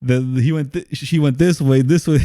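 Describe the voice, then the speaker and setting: Podcast dude, mellow dark voice, keeps laughing and cussing while he recaps a movie. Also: on the high side, normal speed, no echo, studio quality. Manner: laughs often, swears, animated retelling. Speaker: podcast co-host. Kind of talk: casual movie chat.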